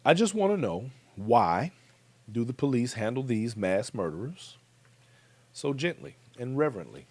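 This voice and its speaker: A man's voice: mid-range voice, sing-song, moderate pace, husky, dry recording. A man with an American accent hosting a commentary show, talking emphatically and speaking straight to his viewers. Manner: emphatic, direct address to viewers.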